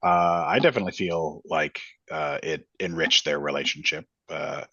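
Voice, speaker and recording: A man's voice: very deep voice, moderate pace, bright, forceful tone, no room sound. A man chatting casually as a player in a tabletop game. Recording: dull, lo-fi voice track.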